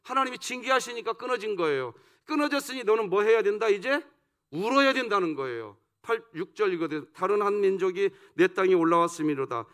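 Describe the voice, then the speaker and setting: A pastor preaching a dawn service sermon, asking the congregation questions and swinging between loud emphasis and soft, low asides. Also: male voice, lively intonation, brisk. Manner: rhetorical questions put to the congregation. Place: church sanctuary.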